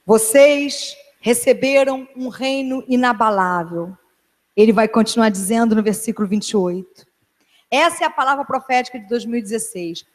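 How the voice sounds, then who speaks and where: A woman pastor preaching a sermon in a church, earnest and emphatic, sometimes dropping to a hushed tone. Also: on the high side, moderate pace. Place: church hall. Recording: long church hall reverb.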